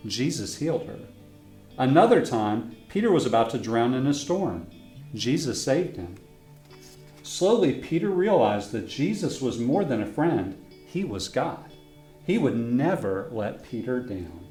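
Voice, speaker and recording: Reading his own children's book aloud, a professor speaks in an even, middle-pitched voice with a friendly manner, breaking off to question his young audience. His voice echoes around a roomy space while a guitar plays faintly in the background.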